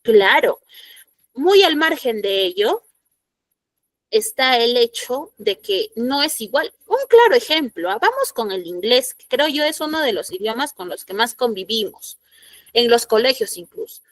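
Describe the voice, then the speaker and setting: A woman's voice: a little high, very animated, a little slow, fairly bright tone, no room sound. A woman teacher, explaining grammar rules and asking her students questions. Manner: explanatory, asks the class questions. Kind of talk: classroom lesson to students.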